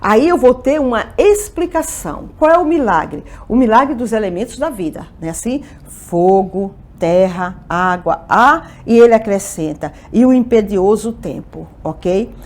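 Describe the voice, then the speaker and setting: A woman's voice: a little high, expressive, measured pace. A woman teaching a Portuguese exam-review lesson, asking questions and answering them herself and often checking in with her students.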